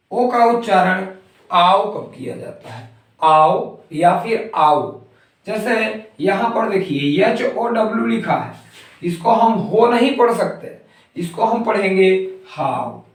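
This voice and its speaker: A man teaching a phonics lesson, going patiently through example words and saying each one more than once. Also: high-pitched. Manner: slow, patient, repeats each example word. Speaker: English teacher. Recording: very echoey room, mic far off.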